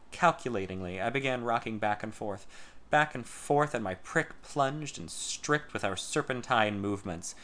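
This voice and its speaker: A man reads a first-person story aloud. His voice is bright and forceful, and his delivery is measured and intimate. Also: mid-range voice.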